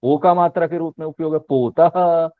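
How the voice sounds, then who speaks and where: A man's voice: a little high, normal speed, no echo. A male Sanskrit teacher explaining a lesson, reciting letters one by one and asking rising questions of his class. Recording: tinny phone-line sound, dry.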